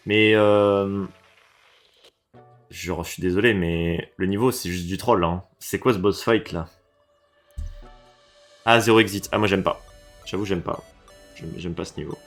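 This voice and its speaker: A reaction streamer from France chats casually about video game levels at a normal speed, swinging from low mutters to excited, profane outbursts. Long pauses break up his talk, and faint music plays behind him.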